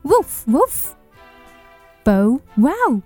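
A woman's voice: high-pitched, sing-song, extremely slow, darkish tone, husky, faint music behind, pitched above the performer's own voice, exaggerated voice. A woman voicing a playful little puppy with short light barks, as when reading a storybook to a toddler. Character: playful little puppy barking woof and bow-wow.

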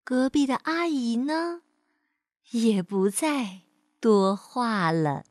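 Slow, gentle woman storyteller. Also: a little high, lively intonation, dry recording, studio quality. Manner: slow, gentle and sing-song. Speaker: children's storyteller. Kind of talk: storybook reading for children.

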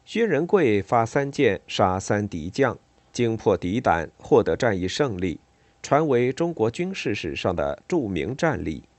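Brief: male storyteller, animated and dramatic, pitch swinging widely, dry close recording. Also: a little slow, no room sound. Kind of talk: scripted narration of a historical tale.

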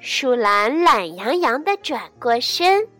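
A woman telling a bedtime story to children in a gentle, sing-song, soothing manner. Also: high voice, very animated, slow. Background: soft background music.

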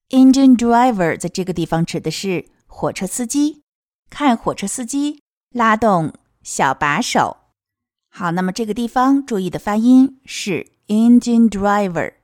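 A woman teaching English pronunciation of a children's song, modeling each sound slowly and clearly. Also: mid-range voice, lively intonation, darkish tone, no echo, studio quality. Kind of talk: explaining song lyrics and pronunciation.

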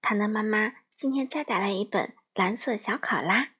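A woman reading a children's storybook aloud, with slow, clearly paced delivery. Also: mid-range voice, a bit bright.

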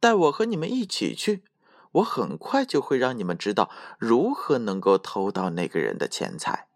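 A man's voice: mid-range voice, big pitch swings, moderate pace, no room sound, studio quality. A man voicing a tiny, thumb-sized boy who is clever, playful and teasing in a storybook reading.

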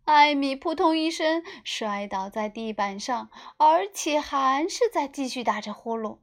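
A woman narrating a children's story as a scripted, expressive reading. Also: sits high, a little slow.

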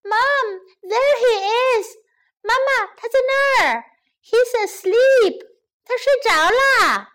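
A woman's voice: extremely high pitch, lively intonation, takes it slowly, fairly bright tone, voice pushed up, full character voice. Woman doing a tiny tearful girl lamb. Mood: eager.

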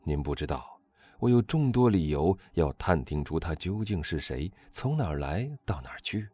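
A man reading a storybook, voicing a calm, sensible young gentleman who talks in a measured way. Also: deep voice, dry recording.

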